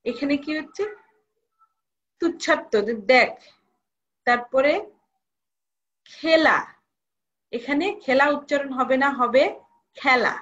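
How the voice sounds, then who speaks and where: A woman's voice: high-pitched, steady tone, measured pace, long pauses, a bit bright, muffled recording. A woman college lecturer giving a recorded lesson, repeating each rule and asking students questions.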